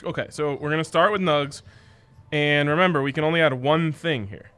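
A man's voice: fairly high pitch, brisk, sharp tone. A man co-hosting a sports betting podcast, wisecracking in casual banter. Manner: wisecracking, playful.

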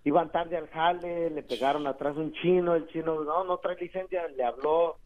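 Mexican guy calling in, slangy chatty story, high-ish voice, thin phone sound. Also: fairly even intonation, normal speed. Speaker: caller. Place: phone call into a radio show. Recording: tinny phone line.

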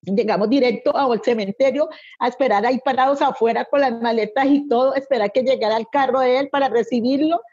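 Middle-aged woman, high husky voice, telling something painful, dull sound. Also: a little fast, darkish tone. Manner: anguished, emotional storytelling. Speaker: interviewee. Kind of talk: personal testimony.

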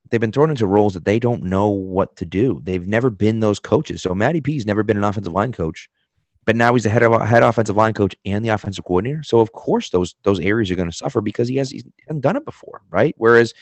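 A man's voice: on the low side, fast talker, dry recording. A man with a mild Boston accent giving casual sports analysis as a podcast guest.

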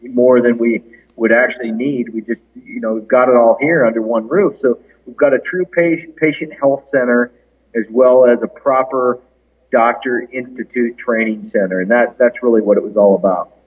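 A man's voice: medium pitch, fairly even intonation, normal speed, husky. A man who runs a clinic, talking casually from a large, echoey conference room, rambling with many fillers and restarts. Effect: echoey big-room sound. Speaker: clinic owner and chiropractor. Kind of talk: casual remote interview chat. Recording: distant, tinny phone-like call audio.

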